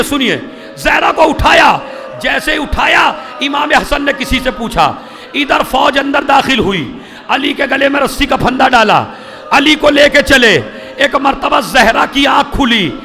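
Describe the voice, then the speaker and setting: Male cleric, mourning sermon; bright, forceful, shouted wailing delivery. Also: extremely high pitch, gravelly. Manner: wailing, chanting delivery that builds to cries; urges listeners to weep. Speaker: cleric reciting a mourning majlis.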